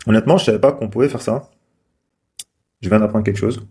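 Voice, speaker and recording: A man's voice: lowish voice, fast talker, warm tone, slightly rough. A man casually talking through code on screen, thinking aloud with many fillers and restarts. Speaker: developer live-coding host. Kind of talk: casual screen-share commentary.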